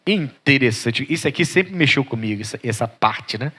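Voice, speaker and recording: A man's voice: mid-range voice, expressive, normal speed, sharp tone, husky. A male pastor with a Brazilian Portuguese accent preaching a sermon, dramatically acting out the voices of biblical figures and rising to pleading cries.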